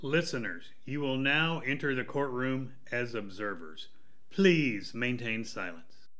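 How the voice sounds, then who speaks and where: Bright stern man giving court rules. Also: mid-range voice, expressive, measured pace, long reverb tail. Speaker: courtroom officer announcer. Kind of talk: scripted announcements.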